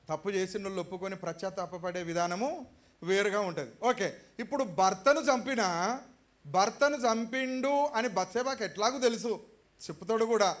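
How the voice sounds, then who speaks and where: Animated high-voiced preacher. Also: male voice. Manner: dramatic storytelling, acting out characters' voices; rhetorical questions to the congregation. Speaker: pastor. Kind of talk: sermon.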